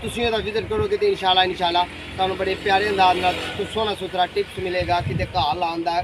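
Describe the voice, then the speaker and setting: A man's voice: sits high, little pitch movement, quick pace, noisy background. A man with a Punjabi accent hosting a gardening vlog, walking through a city plant nursery and talking to viewers in a chatty, repetitive, affectionate way. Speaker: gardening channel host. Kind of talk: casual gardening vlog walkthrough.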